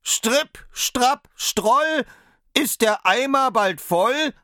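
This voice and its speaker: A man voicing a tiny, frightened boy tailor in a storybook reading, with a high piping voice and urgent, drawn-out calls. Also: expressive, bright, forceful tone, dry recording, studio quality, heavily acted. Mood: calling out.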